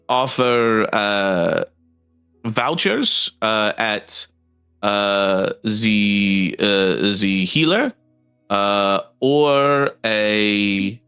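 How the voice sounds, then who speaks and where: A man voicing a fussy, warm guild leader who rambles with many hesitations and folksy turns of phrase. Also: lowish voice, drawn-out words, smooth, faint music behind, pitched above the performer's own voice, heavily acted. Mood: businesslike.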